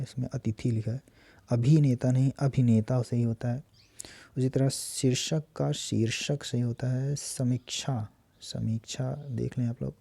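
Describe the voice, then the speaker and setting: A man teaching an exam-prep spelling lesson, reading out word after word in a steady, repetitive drilling manner. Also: medium pitch, no room sound.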